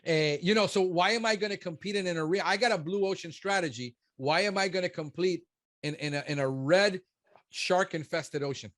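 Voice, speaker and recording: A man's voice: high-pitched, fairly quick, a bit bright, dry recording, studio quality. A man in his fifties, a business consultant, giving blunt and emphatic one-on-one coaching. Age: 50s. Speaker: pest control business consultant.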